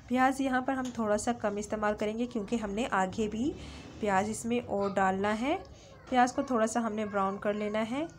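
A woman hosting a channel narrates a step-by-step home cooking recipe from her kitchen, friendly and instructive with small fillers. Her voice is fairly high, and there's a little hiss or hum.

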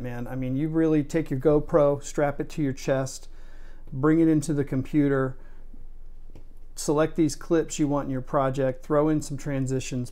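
A man walks through a computer task in a relaxed, conversational tutorial. His voice is mellow and fairly even in pitch. He explains each step plainly as he goes. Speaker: video tutorial maker. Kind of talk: casual screen-recorded tutorial.

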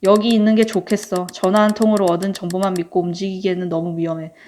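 A woman's voice: mid-range voice, little pitch movement, fast talker, a little mellow, slight background noise, lightly acted. Woman voicing a wary, sardonic schoolboy. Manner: sardonic, grumbling. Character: male high school student, wary and sardonic. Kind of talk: reading a story game aloud.

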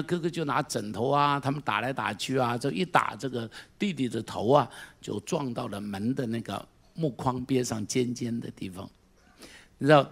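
A middle-aged man preaching a sermon as pastor, moving from quiet storytelling to shouted exhortation and firing questions at the congregation. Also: mid-range voice, creaky, breathy edge. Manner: asks the congregation repeated direct questions.

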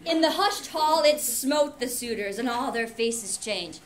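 Recorded by a classroom camera a few metres away, amid background noise, a middle-aged woman teacher performs a reading with dramatic flair and informal explanatory asides. Her slightly high voice is expressive, and she keeps a measured pace.

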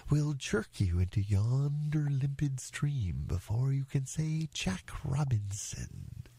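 Storybook snake adviser: slow, pompous, formal, husky, grandly ponderous. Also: male voice, medium pitch, big pitch swings, mellow, voice pushed up, exaggerated voice. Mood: pompous, urgent. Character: pompous, long-winded python rock snake, solemn adviser. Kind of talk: storybook character voice.

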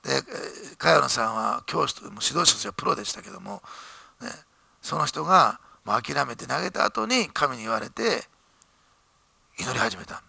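A man's voice: fairly high pitch, sing-song, normal speed, gravelly, pushed and bright, slightly rough, dry recording. A male pastor giving a sermon, reading scripture aloud and building to fervent, emphatic preaching in a church.

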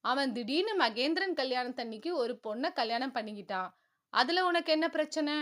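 A woman's voice: high voice, lively intonation, brisk, a bit bright. A woman voicing a stern, domineering, heavyset middle-aged mother who scolds her grown children in a storybook reading. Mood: stern, irritated. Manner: scolding, irritated.

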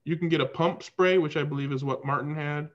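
A man's voice: on the high side, a little fast, dull audio. Man explaining on a video call. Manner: explaining at length, relaxed. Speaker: host. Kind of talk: casual video call chat. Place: home room.

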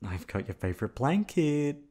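Acting out an intimate ASMR scene, a voice actor portrays a teasing, affectionate boyfriend who playfully coaxes and begs. His fairly high voice swings widely in pitch, with a warm tone and moderate pace.

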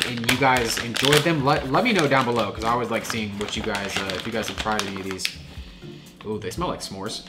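A food vlogger with a cold sounds stuffy and nasal as he reviews snacks to camera in his home kitchen. His mid-range voice is chatty and animated, and he often restarts his sentences.

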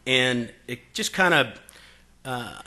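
This Boston conference speaker in his forties takes his time at the podium microphone of a conference room, telling stories with many fillers and performing quoted exchanges. His medium-pitched voice is expressive, bright, and forceful.

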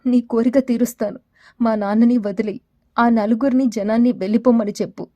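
Bold proud young village girl, sharp-tongued and defiant, as a woman narrator voices her, dark mellow voice, dry sound. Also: on the high side, steady tone, fairly quick, dry recording, muffled recording, natural voice. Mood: pleading. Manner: defiant, scolding delivery.

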